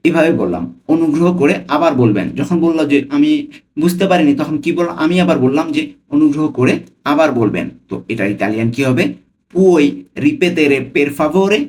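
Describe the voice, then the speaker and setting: Man teaching Italian phrases slowly. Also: fairly high pitch. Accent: Bangladeshi Bengali. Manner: breaks phrases into words and repeats them slowly. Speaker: language teacher. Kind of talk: language lesson.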